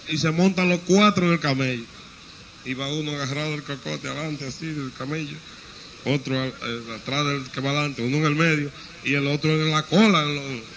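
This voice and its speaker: A man's voice: fairly high pitch, fairly bright tone, slight background noise, low-quality recording. A man telling jokes casually and acting them out with sound effects. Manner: narra con mucho gesto y sonidos. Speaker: joke teller. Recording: sonido apagado con ruido leve.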